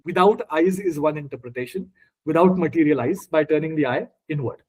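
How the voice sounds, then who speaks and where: Speaking a bit high and fairly quickly, this Indian man, a native Marathi speaker with an Indian accent, sounds a little mellow with a breathy edge. He's running an informal scripture study session, breaking down the text word by word and inviting questions.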